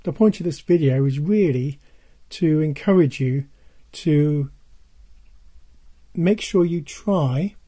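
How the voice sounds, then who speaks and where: An older man presenting casually in a halting way, his hoarse, worn voice giving out as he stresses his points. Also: on the high side, mellow. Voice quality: husky, dull and worn. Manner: halting, repeats points for emphasis. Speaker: presenter of a music tech video. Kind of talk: casual product-advice talk.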